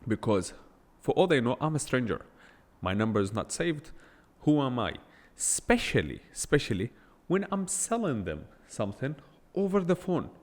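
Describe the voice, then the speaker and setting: Here a man whose first language isn't English delivers an unscripted solo podcast monologue in a blunt, emphatic manner full of rhetorical questions. His voice is medium-pitched with big pitch swings, his pace moderate, and the room sounds large.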